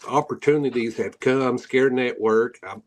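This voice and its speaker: A man's voice: medium pitch, measured pace. A middle-aged man with an Appalachian hillbilly accent telling stories casually in an interview, folksy and rambling with rural grammar. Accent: Appalachian, hillbilly drawl. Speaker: guest, paranormal investigator.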